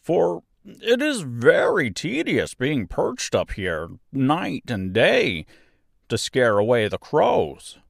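Storybook scarecrow: naive, earnest, polite, pitched high with wild swoops, slow husky drawl. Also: male voice, huge pitch swings, no echo, clean studio sound, full character voice. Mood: weary, polite. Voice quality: rather husky. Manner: slow, drawn-out, swooping delivery.

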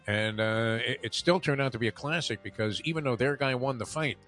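A man's voice: medium pitch, a little fast, a bit bright, soft background music. An older man hosting a radio show, chatting casually and telling long stories full of fillers and restarts. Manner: rambling storyteller, many fillers and restarts.

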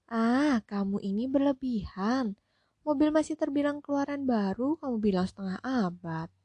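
A woman voicing a stern, well-off woman near fifty who talks sharply and firmly and takes offense quickly. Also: on the high side, lively intonation, dark tone, no echo, pitched above the performer's own voice. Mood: amused.

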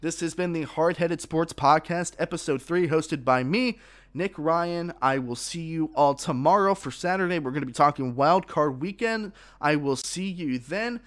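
On his own sports podcast, a man with a voice on the high side and a bit bright talks at normal speed, offering opinions full of fillers and restarts. A frog in his throat leaves him a little congested.

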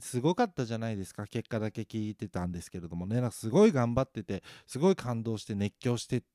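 A man's voice: lowish voice, lively intonation, fast talker, warm tone, no room sound. Guy rambling on his own podcast, laughs at himself, voice goes up and down a lot, dry room. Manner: chatty, self-mocking, lots of fillers and laughs. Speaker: podcast host. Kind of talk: casual solo chat.

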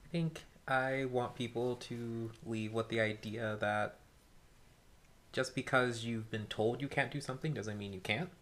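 A woman's voice: a bass voice, fairly even intonation, a little slow. A woman hosting a podcast in casual chat, chatty and upbeat, laughing easily. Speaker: podcast host.

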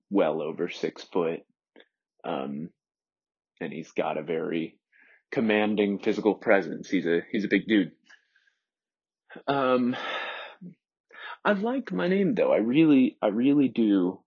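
Alone in a room, a 21-year-old man delivers an introspective monologue, his low, breathy voice coming out hesitant and soft. He pauses often and leans on fillers, and the lo-fi recording sounds dull.

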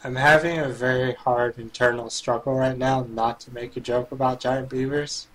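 A man's voice: medium pitch, flat delivery, normal speed, a crowd in the background, poor audio. A man co-hosting a gaming podcast in casual, joking chat. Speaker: podcast co-host.

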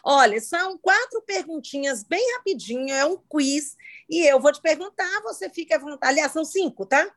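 Animated and high-voiced, this middle-aged woman hosts a casual podcast, speaking Brazilian Portuguese with a faint Minas Gerais accent. She talks chattily at a normal speed in a fairly bright tone, restarting frequently.

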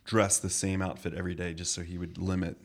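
A man guesting on a podcast as a teacher, relaxed and plain-spoken. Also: sits low, fast, vocal fry. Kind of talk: casual chat.

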